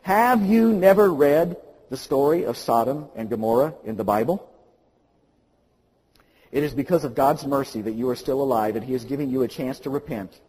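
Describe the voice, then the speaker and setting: A male pastor preaching an impassioned sermon, swinging from quiet to loud. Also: medium pitch, moderate pace, slightly rough, big-room sound, poor audio.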